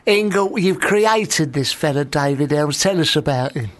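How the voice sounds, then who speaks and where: A man's voice: on the high side, expressive, a little slow. A man co-hosting a comedy chat show, playful, leading the questions. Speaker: co-host.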